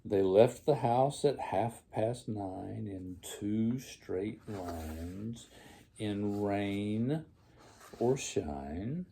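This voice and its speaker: An older man, a grandfather, reading a children's storybook aloud in a slow, deliberate, gravelly old man's voice. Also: lowish voice, lively intonation, dark tone, slight background noise.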